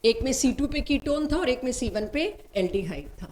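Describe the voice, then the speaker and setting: A woman's voice: high-pitched, lively intonation, brisk, a little mellow, rough recording. A woman teaching chemistry in a recorded lecture who asks her class questions and answers them herself, switching into English phrases.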